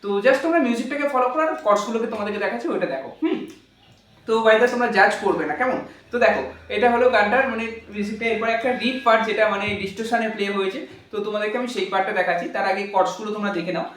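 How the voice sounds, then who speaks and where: Talking very fast in a mid-range voice, this guitar instructor loosely repeats himself, asks viewers "clear?", and sings or hums chord parts rather than saying words. The audio comes from a distant mic in an echoey room, with a loud guitar and amp playing.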